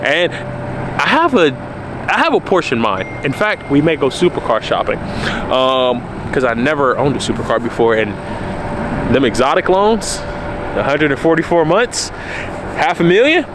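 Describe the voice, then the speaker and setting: A young man in his early twenties with a drawl, talking casually and candidly to the camera. He circles back and repeats himself for emphasis. He is recorded outdoors, with clear traffic and street noise behind him. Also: on the high side, very animated, unhurried, pauses often. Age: early 20s. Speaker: car vlogger. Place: outdoors by his car in cold weather.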